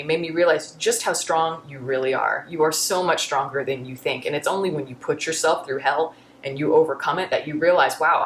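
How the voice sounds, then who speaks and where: A woman's voice: deep voice, reverberant, slight background noise. A woman answering viewer questions in a casual way, candid and reflective, often restarting her sentences. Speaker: YouTube film reviewer.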